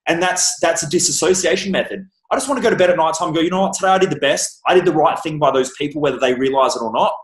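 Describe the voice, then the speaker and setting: A man's voice: on the high side, racing, few pauses, reverberant, low-quality recording. A man in a casual podcast interview, talking bluntly and emphatically as a success coach, swearing freely. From Australia. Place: room with a bookshelf.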